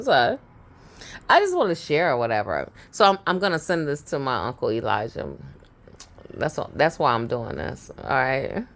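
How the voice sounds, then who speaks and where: A woman in her thirties with a Brooklyn accent, telling a rambling family story to camera and laughing often. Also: sits low. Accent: Brooklyn, New York. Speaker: vlogger.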